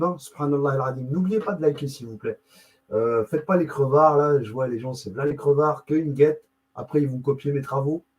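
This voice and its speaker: A YouTube host runs his own channel, offering casual screen-share commentary while he looks things up, musing aloud, muttering, rambling and cutting himself off. His voice is on the high side and slightly mellow, and the audio quality is poor.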